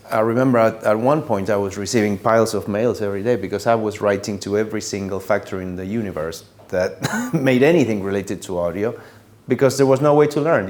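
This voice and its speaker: A middle-aged or older man from Buenos Aires, a native Spanish speaker with an Argentine accent, telling his career story as a sound engineer in a halting, reflective way with emphatic repetition. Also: on the low side, darkish tone. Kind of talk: personal career storytelling to an audience.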